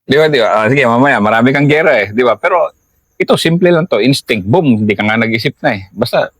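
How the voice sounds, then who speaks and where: A man's voice: medium pitch, lively intonation, fast talker, a bit bright, no echo. A middle-aged Filipino man hosting a military interview, explaining terms to viewers and pressing his guest with follow-up questions. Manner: explains to viewers, asks probing follow-ups. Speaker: host, retired army colonel. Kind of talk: interview commentary.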